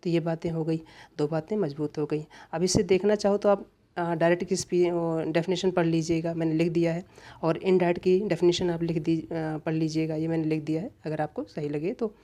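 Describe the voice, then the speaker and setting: Mellow-voiced male teacher, softly trailing off. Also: a little high, fairly even intonation, fairly quick. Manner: repeats reminders, voice drops softly at phrase ends. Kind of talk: online grammar class lecture.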